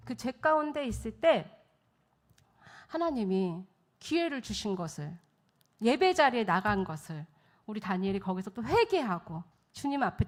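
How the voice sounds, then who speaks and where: Laughing frequently, this middle-aged missionary gives a testimony sermon at church, bringing her story to life by performing the voices of those she quotes. She speaks at a medium pitch.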